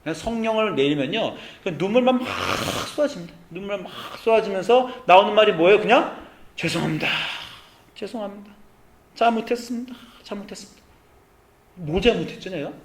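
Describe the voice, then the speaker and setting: A man preaching as pastor, animated, at times acting out soft, pleading prayers. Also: high voice, fast talker, hardly any pauses. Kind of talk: sermon. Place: church sanctuary. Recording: echoey church sanctuary.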